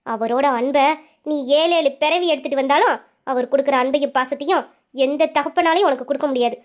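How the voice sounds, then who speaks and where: A woman's voice: sits high, brisk, lightly acted. A woman voicing a knowing elder sister who lectures her younger brother firmly in an amateur audio drama. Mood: stern. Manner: firm, lecturing. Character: knowing elder sister, stern yet caring.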